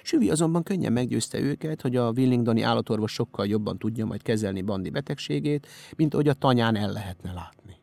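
A man narrating an audiobook in a steady storytelling manner. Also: medium pitch, gravelly, dry recording. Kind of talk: scripted narration.

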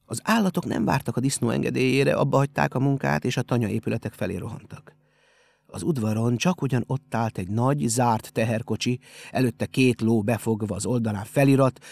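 A man narrating an audiobook in a steady storytelling manner. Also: mid-range voice, creaky, no echo. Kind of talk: scripted narration.

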